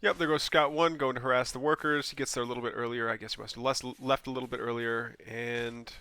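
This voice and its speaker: Working through a strategy game replay by himself at a desk mic, this male caster has a middle-range voice that's bright, clear and resonant, though stuffy and scratchy from a cold, with no echo. He speaks fast, meandering casually through ums and self-corrections. Surprising plays send his pitch up in sudden bursts of excitement.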